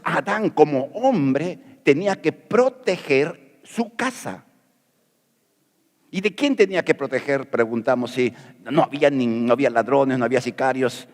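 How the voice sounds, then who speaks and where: A man's voice: medium pitch, big-room sound. A middle-aged man from Peru preaching a sermon as pastor, folksy and jokey, asking rhetorical questions.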